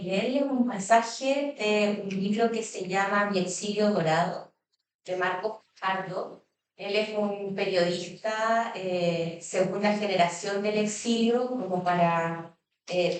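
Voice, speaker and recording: A woman moderates a panel and reads a passage aloud, measured and steady. Her voice sits at a middle pitch. It comes from a distance and rings through a large, echoey hall. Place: consulate event hall.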